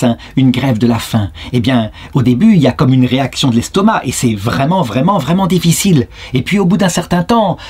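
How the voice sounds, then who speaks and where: Husky-voiced man telling a story. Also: medium pitch. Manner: lively, talks to listeners, acts out characters. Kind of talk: storytelling lecture.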